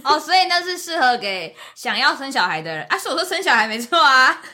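A woman's voice: high voice, sing-song, brisk, pushed and bright. A woman with a Taiwanese accent speaking with braces, bantering casually and teasingly as a podcast co-host. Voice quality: slightly slurred speech from dental braces. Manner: teasing, laughs often.

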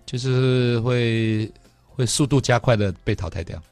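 A middle-aged man with a Taiwanese Mandarin accent hosting a radio talk show, telling stories in an animated way. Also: mid-range voice, no room sound, soft background music. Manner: fast, animated storytelling with laughs. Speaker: radio host. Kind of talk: casual radio chat. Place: radio studio.

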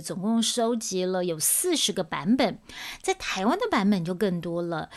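A woman telling a folktale in a lively, playful way, adding chatty asides where she wonders aloud. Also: medium pitch. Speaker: storyteller.

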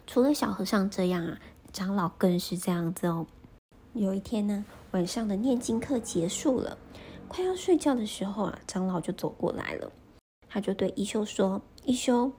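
A woman narrates a children's folk tale in a gentle storyteller's manner. She draws out her sentence endings and speaks straight to the young listeners. Her voice is breathy and mellow. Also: mid-range voice. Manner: gentle, addresses children with drawn-out particles.

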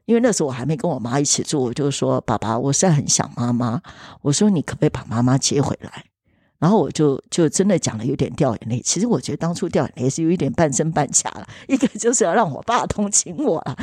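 A woman's voice: low voice, a little mellow, husky, dry recording, clean studio sound. A woman, earnestly telling a personal family story in a podcast chat, often hesitating and restarting.

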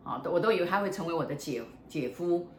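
A woman's voice: fairly low pitch, lively intonation, quick pace. An older woman, a fortune teller telling a story in a chatty, joking way with many fillers. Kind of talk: casual storytelling. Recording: roomy room with faint noise.

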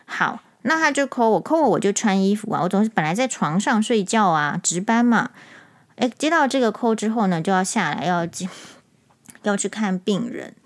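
A middle-aged woman eye doctor, telling stories on her podcast in a casual, animated, indignant way. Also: mid-range voice, normal speed. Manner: animated, indignant, emphatic when retelling. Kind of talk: casual storytelling monologue.

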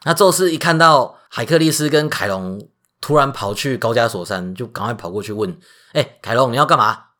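A man with a Taiwanese Mandarin accent, hosting a podcast and retelling myths in a lively, joking way. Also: mid-range voice, brisk. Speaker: podcast host. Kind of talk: casual storytelling podcast.

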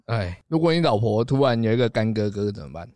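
Quick-quipping Taiwanese co-host man. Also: fairly low pitch, animated, dark tone, no room sound. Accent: Taiwanese Mandarin. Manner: quick crude banter and quips. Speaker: podcast co-host. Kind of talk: casual crude podcast chat.

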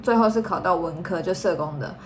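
Quick, teasing woman. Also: lowish voice, a little hiss or hum. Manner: chatty, teasing, quick interjections. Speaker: podcast co-host. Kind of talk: casual chat.

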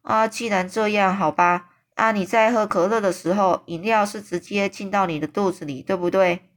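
A woman voicing a big friendly male giant who exclaims and stretches his words out slowly. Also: medium pitch, steady tone, lightly acted. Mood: excited. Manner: exclaiming, drawn-out slow emphatic phrasing.

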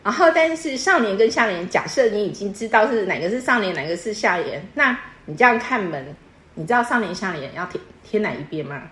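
Her voice is medium-pitched, expressive, brisk and fairly bright. In relaxed chat with a guest, she patiently walks through local customs in a teacherly way, testing her with questions as she goes, and the recording has an echo.

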